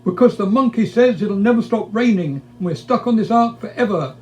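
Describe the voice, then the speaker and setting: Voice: medium pitch, animated, brisk, a little mellow, voice pushed up, natural voice. A performer voicing an urgent, loyal and suspicious lion in a storybook reading, speaking in a hurry. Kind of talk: storybook character voice.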